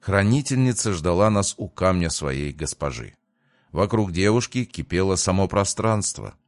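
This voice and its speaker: Male narrator, low and measured, dry studio read, first-person audiobook. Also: big pitch swings, no echo.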